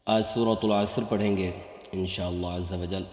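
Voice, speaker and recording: A man teaching correct Quran recitation, explaining pronunciation mistakes and then chanting the verses in a high, drawn-out melody. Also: steady tone, a little mellow. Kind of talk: slow tajweed lesson with chanted recitation. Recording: echoey room with long reverb.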